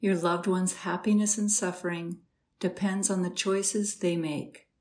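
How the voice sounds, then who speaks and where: A woman guiding a slow, soothing meditation with gentle instructions and long pauses. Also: lowish voice, level tone. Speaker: meditation guide. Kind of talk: guided meditation.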